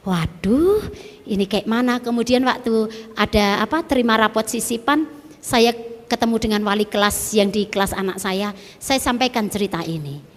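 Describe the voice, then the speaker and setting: A woman, preaching a sermon and telling stories in an animated way. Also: fairly high pitch, normal speed, in a large hall. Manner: animated storytelling, acting out her child and customers.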